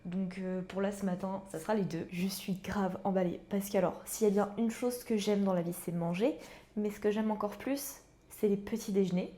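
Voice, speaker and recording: A woman's voice: medium pitch, fairly even intonation, normal speed, warm tone. A young woman talking casually and enthusiastically to viewers as a book and food vlogger, in an informal, slangy way. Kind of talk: casual chatty vlog to viewers.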